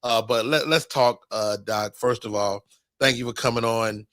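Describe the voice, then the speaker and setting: An excitable man hosts a casual interview, cracking jokes and stumbling over his words. His voice is bright and forward. The sound is dry and close to the mic. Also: mid-range voice, normal speed, dry recording. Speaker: host.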